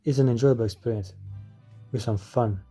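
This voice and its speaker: A man's voice: medium pitch, moderate pace, dark tone, husky, soft background music. A man narrating a scripted review as an anime reviewer.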